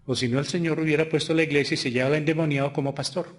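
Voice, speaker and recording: Racing along in a voice on the high side, a Colombian-accented pastor delivers his sermon with fairly even intonation. He asks rhetorical questions and moves between loud emphatic statements and quiet asides.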